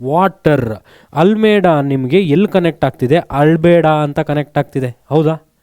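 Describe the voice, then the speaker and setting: A man's voice: a little high, unhurried, darkish tone, smooth, no room sound. Upbeat male tutor, dry close sound. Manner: asks students questions, then answers them himself; mixes English words into his speech. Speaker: teacher. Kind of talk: exam-prep lesson with memory tricks.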